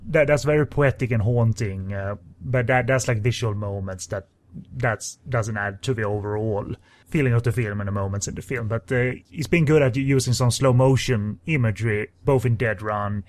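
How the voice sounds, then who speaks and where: A man's voice: mid-range voice, moderate pace. A man reviewing a film in casual chat, critical and talking in long winding sentences.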